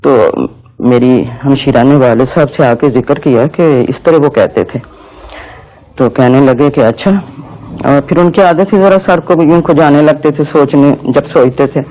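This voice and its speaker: A man's voice: medium pitch, moderate pace, warm tone, highs cut off. A man tells an anecdote in an interview in a storytelling manner.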